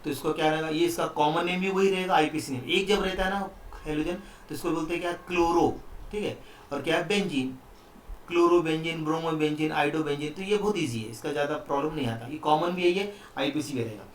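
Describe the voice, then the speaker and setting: A man's voice: fairly high pitch, fast, a little hiss or hum. A man teaching a chemistry lesson online, explaining step by step and often asking the students questions. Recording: echoey room, mic at a distance.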